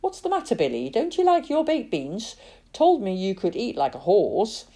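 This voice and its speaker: A woman's voice: medium pitch, wildly swooping pitch, normal speed, warm tone, voice pushed up. Woman voicing gossipy Auntie May. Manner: chattering, scolding, full of hearsay. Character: gossipy, nagging middle-aged woman, an aunt.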